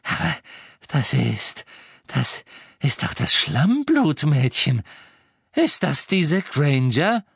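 A shrieking, unhinged witch, put on by a man with a high, loud voice. She sounds shrill and wild, recorded dry. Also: unhurried, long pauses, dry recording, exaggerated voice.

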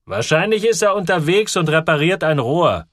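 Audiobook part: a gruffly caring stoker put on by a man, pitched up and calling out, lively. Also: moderate pace, no room sound, clean studio sound. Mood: friendly. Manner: loud, calling over noise. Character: barefoot boiler man, kindly, worried, loud. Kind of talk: audiobook reading.

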